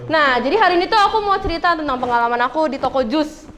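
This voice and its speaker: A woman's voice: high-pitched, lively intonation, fast, very noisy. A girl telling a stand-up comedy story in a classroom, chatty and giggly. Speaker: student comedian.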